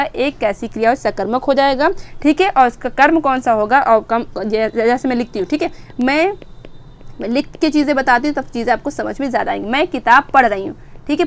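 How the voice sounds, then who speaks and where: Woman, high voice, grammar lesson, asks and answers her own questions, repeats key words. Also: smooth. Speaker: teacher. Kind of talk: exam-prep grammar lesson.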